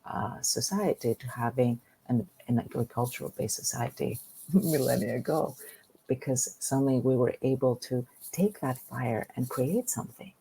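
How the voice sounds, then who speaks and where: A woman's voice: extremely low pitch, moderate pace, gravelly, warm tone, slight background noise, poor audio. A woman from Greece, a guest on a business podcast, speaking earnestly and often repeating words as she starts a thought. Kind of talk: podcast interview.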